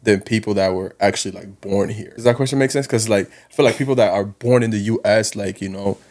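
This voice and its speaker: A college basketball coach from South Sudan speaks as a podcast guest, talking casually and informally with slang and plenty of "you know." His voice is lowish and darkish, and he talks fast.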